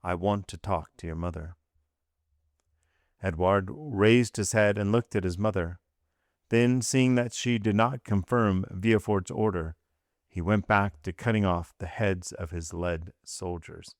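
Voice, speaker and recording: A man narrating a classic novel as an audiobook in a measured, even way. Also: fairly low pitch, dry recording, studio quality.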